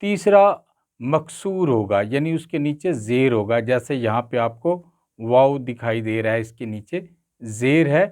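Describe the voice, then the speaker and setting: A man teaching Urdu pronunciation, carefully drawing out each word with frequent pauses. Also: medium pitch, animated, a little mellow. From Pakistan. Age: older. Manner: careful, drawn-out enunciation with frequent hesitation sounds. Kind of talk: slow, deliberate pronunciation lesson.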